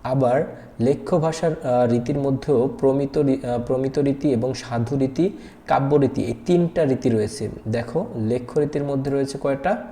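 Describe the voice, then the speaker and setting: A man's voice: mid-range voice, normal speed, mellow. A male teacher giving a whiteboard grammar lesson, patient and repetitive, asking and answering his own questions with many hesitation fillers.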